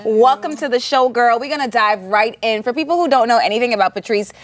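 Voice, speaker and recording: A woman's voice: fairly high pitch, fast. A woman co-hosting a talk show, playful and teasing in casual banter. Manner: playful, teasing, laughs often.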